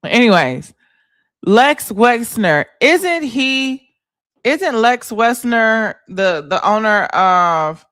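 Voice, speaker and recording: A woman hosting a livestream, telling stories in a loud, laughing, profane way. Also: a little high, animated, slow, no echo, studio quality. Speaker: livestream host. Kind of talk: casual livestream chat.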